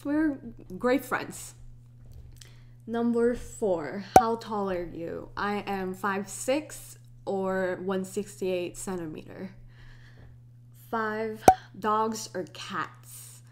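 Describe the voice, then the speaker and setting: A woman's voice: mid-range voice, noisy background. A young woman in her twenties from Hong Kong, chatting casually through a get-to-know-me Q&A vlog. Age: 20s. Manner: relaxed, unhurried, chatty with restarts. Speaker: YouTuber.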